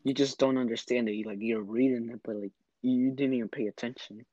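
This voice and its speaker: A man's voice: mid-range voice, fairly even intonation, mellow, dry recording, highs cut off. Tired young man, dry close sound. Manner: tired, halting storytelling. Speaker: podcast co-host. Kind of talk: casual chat.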